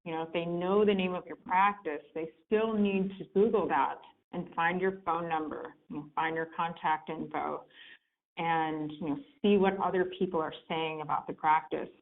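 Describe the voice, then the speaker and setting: A woman comes through a conference call with a narrow, tinny phone sound. Her voice sits a little low, and she explains things in a relaxed, filler-heavy way as a guest expert. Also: moderate pace. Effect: heard over a conference call phone line. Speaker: guest expert on client reviews. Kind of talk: conversational explaining. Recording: tinny phone-line teleconference audio.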